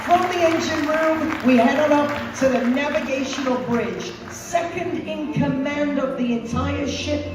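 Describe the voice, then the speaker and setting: A woman's voice: sits high, measured pace, hardly any pauses, recorded from a distance. A woman speaking as an upbeat cruise director, rallying a crowd from the stage with emphatic live introductions. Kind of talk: live stage announcing, introducing officers to an audience. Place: on stage in a cruise ship venue. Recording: echoey PA in a large hall, music and crowd. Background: music and audience noise.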